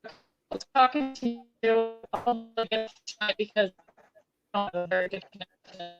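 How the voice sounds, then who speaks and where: A woman's voice: a little high, normal speed. A woman calling in for a casual chat, her voice hesitant and full of fillers, cutting in and out over a choppy, breaking-up phone connection. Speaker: caller. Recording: dull lo-fi call line with faint music.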